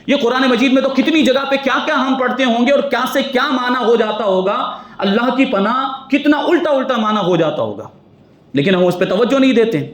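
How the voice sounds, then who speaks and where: An earnest male mufti teaches Quran commentary in a mosque, pressing his listeners with question after question. His voice sits high. The hall gives it a roomy echo.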